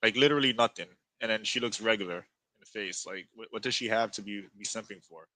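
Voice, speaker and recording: A man's voice: lowish voice, pushed and bright, dry recording. A man co-hosting a podcast in casual chat, blunt and talkative, saying "bro" and "like" constantly. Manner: blunt, fast-talking, peppered with "bro" and "like". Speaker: podcast co-host.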